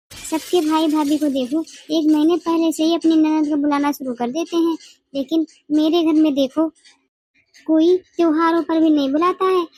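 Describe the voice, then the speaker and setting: A woman's voice: high voice, darkish tone, no echo, natural voice. A woman voicing a bossy, scolding mother-in-law in a family cartoon. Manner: nagging, scolding.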